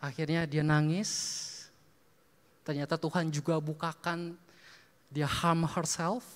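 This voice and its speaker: A male preacher telling stories in a sermon, lively, acting out dialogue and laughing often. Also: fairly high pitch, takes it slowly. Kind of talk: sermon storytelling. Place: church hall. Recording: long reverb of a church hall.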